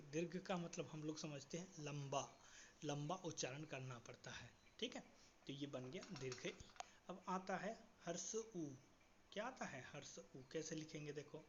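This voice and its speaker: A man teaches a writing lesson to students, asking quiz questions and slowing down to spell out each letter. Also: on the high side. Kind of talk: classroom-style writing lesson. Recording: dull lo-fi audio with faint background hiss.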